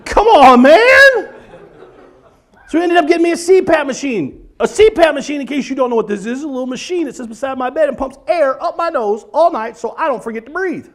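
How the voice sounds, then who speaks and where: Middle-aged man, church comedy set, very high and lively voice, big shouted punchlines. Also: fairly quick. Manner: animated, exaggerated, bursts into shouts. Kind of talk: stand-up comedy before a church crowd. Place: church event hall before a live audience.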